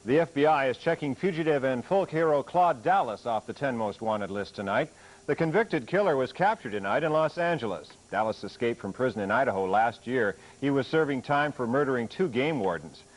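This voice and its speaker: A man reading TV news as anchor, with a measured, formal delivery. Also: medium pitch, expressive, low-quality recording. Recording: off-air 1980s TV tape.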